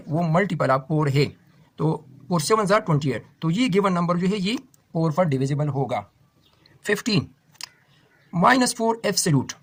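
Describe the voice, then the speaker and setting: A young man with a Pakistani accent, a teacher steadily explaining a solved exam paper question by question, reading the English questions out slowly. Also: high voice, fairly bright tone. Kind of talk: exam-prep lesson, solving a test paper.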